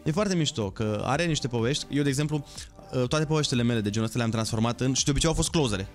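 A man chatting casually in a radio studio, telling stories with quick asides. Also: mid-range voice, faint music behind. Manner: animated storytelling, quick asides. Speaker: comedian guest. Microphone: studio microphone.

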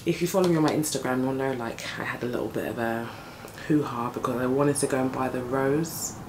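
A thirty-something beauty vlogger talks briskly and casually while doing her makeup, her morning voice deeper than normal, in a rough-sounding recording. She's at home in her flat with a desk camera up close, and the open window lets in noise from planes and the street.

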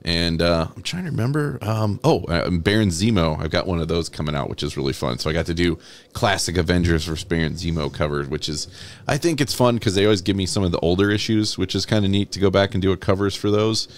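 A comic book artist, speaking as an interview guest, chats casually in a low-pitched voice and talks fast. He rambles and chuckles, clearly enthusiastic about his own work.

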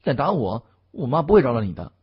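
A man voicing a spoiled, bold teenage girl who answers back in quick, pert, high-pitched retorts. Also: sing-song, slightly rough, dull audio. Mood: defiant.

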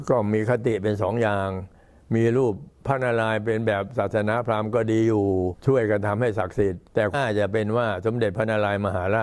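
Low-voiced older Thai monk, an old man. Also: a little mellow. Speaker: Buddhist monk addressing temple visitors. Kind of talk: informal talk, recounting temple history and announcements.

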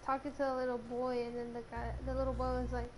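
A woman's voice: fairly high pitch, level tone, fast. A young woman streamer chatting casually over gameplay, giggly and teasing, with plenty of swearing. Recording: noisy home stream audio.

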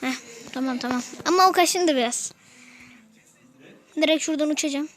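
A woman giving casual gameplay commentary to her viewers, excitable and quick to burst out in frustration. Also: high voice, slight background noise. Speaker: gaming video host.

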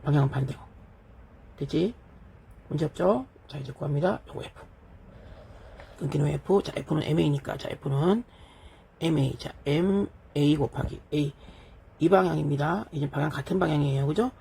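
A gravelly, husky man in middle age lectures on physics while he writes on a board. His voice sits a little high and sounds dark and mellow. He keeps asking his students whether they are following. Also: unhurried, pauses often. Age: middle-aged. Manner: keeps checking in with "됐죠?" and "그죠?"; talks while writing on a board. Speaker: physics teacher. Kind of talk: lecture solving an exam problem.

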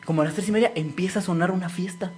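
Man, Mexico City Spanish accent, high voice, fast talker, crude slang, laughing chat, faint background noise. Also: darkish tone. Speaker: podcast host. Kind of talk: casual comedic chat.

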